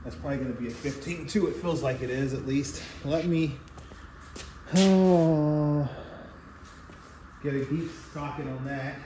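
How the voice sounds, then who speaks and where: A man with a fairly high voice narrates his garage work in a casual vlog, half talking to himself as he wrenches under an old truck. Steady background noise from the shop runs under his voice. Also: measured pace, long pauses, reverberant. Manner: talks to himself while working, mutters. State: out of breath, coughing from dust. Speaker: YouTube garage host.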